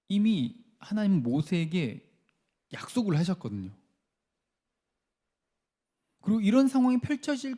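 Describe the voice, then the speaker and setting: A man's voice: high voice, dark tone. A man preaching a sermon as pastor. He leads the congregation in reading verses aloud and acts out the people's complaints.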